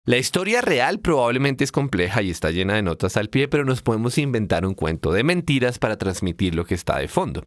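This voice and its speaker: A man's voice: mid-range voice, big pitch swings, a little fast, few pauses, dry recording, clean studio sound. A man narrating a scripted lesson on Spanish accent marks, telling it as a playful story with acted dialogue.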